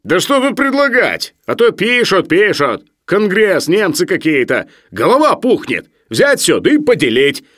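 A man's voice: high-pitched, wildly swooping pitch, a little slow, hardly any pauses, a bit bright, no room sound, clean studio sound, voice pushed up, heavily acted. A man voicing a crude, loutish young man who whines and shrieks. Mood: grumbling, boorish. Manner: whiny, shrieking, coarse.

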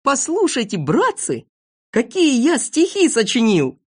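A woman voicing a cheeky, boastful little boy shorty who chatters excitedly, reading a storybook. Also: high-pitched, unhurried, slightly rough, pitched above the performer's own voice, exaggerated voice.

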